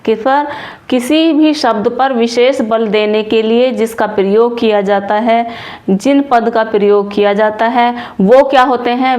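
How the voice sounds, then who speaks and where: A woman teaching Hindi grammar, explaining step by step and repeating words slowly as she writes out notes. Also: on the high side. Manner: repeats words slowly while writing them out. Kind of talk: classroom explanation, dictating notes.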